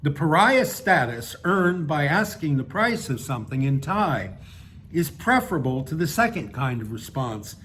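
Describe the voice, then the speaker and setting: A man's voice: fairly high pitch, very animated, normal speed, fairly bright tone, a little hiss or hum. Dry, wry man reading his own story. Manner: dry, wry delivery with offhand spoken asides. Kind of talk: reading a humorous personal essay aloud.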